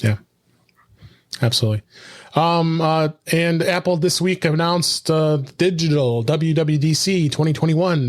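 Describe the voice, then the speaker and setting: A man's voice: on the high side, a little mellow. A man hosting a casual tech podcast, rambling with many fillers and restarts. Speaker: podcast host.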